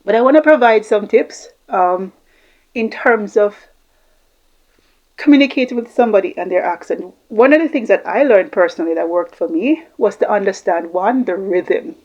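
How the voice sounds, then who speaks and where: The highs are cut off in this clip of a Jamaican woman hosting communication tips, her medium-pitched voice a little mellow at a moderate pace. She explains things informally and reflectively, leaning on repeated phrases for emphasis.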